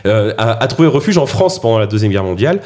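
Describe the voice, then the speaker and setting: A man hosting a podcast, reading a scripted introduction of his guests in a brisk manner, with self-mocking asides. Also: on the low side, very animated, a little mellow. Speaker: podcast host. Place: studio or room around a table.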